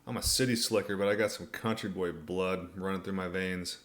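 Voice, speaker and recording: A man's voice: low-pitched, fairly even intonation, a little fast, fairly bright tone. A man hosting a casual livestream Q&A, talking in a laid-back, colloquial way as he reads and answers viewer comments. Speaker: livestream host.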